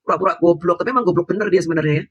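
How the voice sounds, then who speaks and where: A man's voice: high voice, very fast, fairly bright tone, husky, highs cut off, faint music behind. A man doing an angry political vlog, mocking and insulting his opponents with scornful laughs. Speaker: political commentator.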